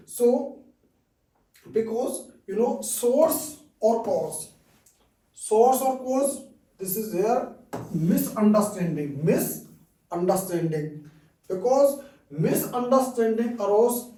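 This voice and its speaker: Recorded from a distance in an echoey room, a man with a high, dark-toned voice and an Indian accent gives a slow, explanatory English lesson. As an English teacher, he repeats key phrases and keeps checking in with "okay."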